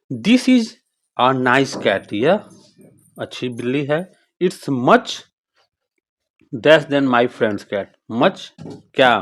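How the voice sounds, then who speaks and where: A man teaching an English grammar lesson, reading English lines slowly and explaining fast in Hindi while asking the class questions. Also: mid-range voice.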